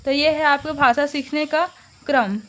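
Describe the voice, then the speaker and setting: High-voiced woman teaching a language lesson. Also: fairly even intonation, a bit bright. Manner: explains terms slowly, repeating them; reads notes aloud, then restates them simply. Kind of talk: exam-prep lesson.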